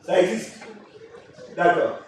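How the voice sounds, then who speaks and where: A man preaching a sermon, rising to emphatic shouts and questioning his congregation. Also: slow, far from the mic, slight background noise. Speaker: pastor. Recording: echoey church hall, voice from afar.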